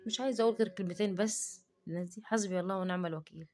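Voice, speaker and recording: Fast-talking Egyptian woman vlogger. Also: medium pitch, darkish tone. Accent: Egyptian Arabic. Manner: indignant, defensive rant with rapid talk. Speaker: cooking vlogger. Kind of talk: casual talking-to-camera vlog.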